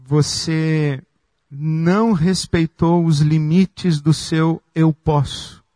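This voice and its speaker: A man preaching a sermon as pastor, slow and emphatic with long pauses. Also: a little high, steady tone, warm tone, dry recording.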